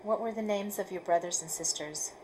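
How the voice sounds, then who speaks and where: A woman conducts an oral history interview and asks clear, formal questions in a measured way. Her voice sits at a middle pitch. A faint hiss runs under the recording. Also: dark tone, rough recording.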